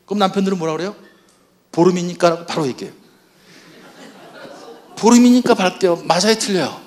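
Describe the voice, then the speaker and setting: A man with a fairly high voice speaks to a church audience at a marriage seminar. He keeps quizzing the listeners and slips into playing husbands and wives as he goes. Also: rapid-fire. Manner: asks the audience questions and acts out spouses' lines. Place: church hall before an audience.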